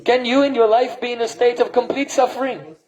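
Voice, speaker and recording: High-voiced man giving a devotional lecture. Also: steady tone, fairly quick, a little mellow, poor audio. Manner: checks in with listeners by asking "hmm?" and "huh?"; breaks into sung and chanted verses. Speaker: spiritual teacher.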